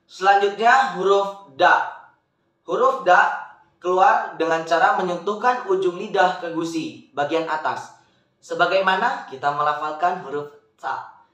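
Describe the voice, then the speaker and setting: A man's voice: sits high, a little slow, pushed and bright, reverberant, rough recording. A man teaching the pronunciation of Arabic letters step by step, patiently drilling syllables and lifting them into sung tones. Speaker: Quran recitation teacher.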